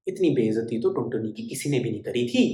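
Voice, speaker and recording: Woman storyteller, animated children's story reading, roomy echo. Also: very deep voice, fast talker.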